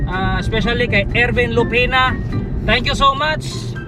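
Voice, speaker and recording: A man's voice: very high voice, unhurried. A young man with a Cebuano accent, vlogging outdoors after a game, tired but cheerful. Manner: cheerful, breathless, whooping. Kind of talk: upbeat outdoor vlog. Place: outdoors at a fiesta. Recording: loud music, voice far from the mic.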